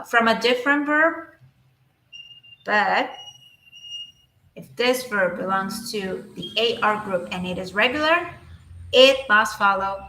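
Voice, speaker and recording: A woman teaching an online language lesson, explaining slowly with many fillers and restarts into a computer microphone. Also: mid-range voice, sharp tone, echoey room. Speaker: Spanish teacher.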